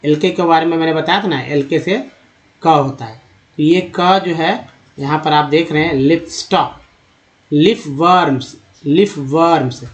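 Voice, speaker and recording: A man teaching English reading, sounding out words slowly and repeating them for his viewers. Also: on the high side. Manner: slow, repeats words syllable by syllable; addresses viewers as friends. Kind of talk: spoken phonics lesson.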